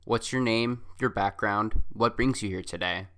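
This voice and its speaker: A man's voice: lowish voice, normal speed, fairly bright tone. A man reading a scripted introduction to a radio interview segment and asking the guest to introduce herself. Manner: reads from a script, handing off to a co-host. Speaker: host, interviewer.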